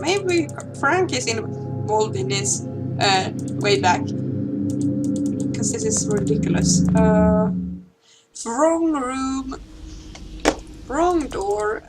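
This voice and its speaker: A woman's voice: a little high, drawn-out words, pauses often, loud music behind the voice. Young woman chatting over a game. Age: young adult. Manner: chatty, excitable reactions. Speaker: let's play gamer. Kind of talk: casual game commentary.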